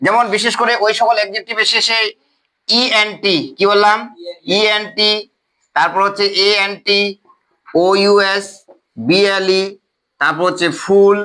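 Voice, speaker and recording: Male teacher, high bright voice. Classroom lecture, spells things out, keeps checking the class follows. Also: level tone, unhurried, pauses often, low-quality recording. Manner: repetitive, checks often with the class, spells out letters. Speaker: English grammar teacher.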